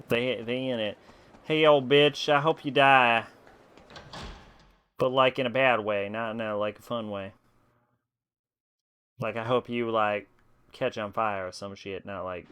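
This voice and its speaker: A man's voice: lowish voice, fairly bright tone, clear, resonant tone. A drunk man with a mixed Californian and Southern American accent, rambling bluntly and profanely as he casually commentates on a game stream. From United States. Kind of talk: casual livestream gameplay commentary.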